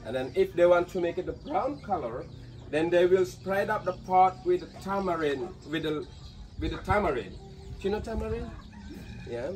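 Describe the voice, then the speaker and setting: An Indonesian-accented man, working as a local tour guide, talks at a moderate pace in a high, animated, somewhat mellow voice. He casually explains the pottery craft to tourists outdoors in a pottery village, mixing in jokes and apologies. The recording comes from a distant outdoor camera, with roosters and village ambience behind him.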